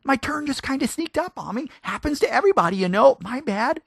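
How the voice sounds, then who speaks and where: A man's voice: very high-pitched, big pitch swings, brisk, vocal fry, no room sound, clean studio sound, voice pushed up, exaggerated voice. A man voicing a sheepish, apologetic male driver excusing his own mistake in a breezy voice.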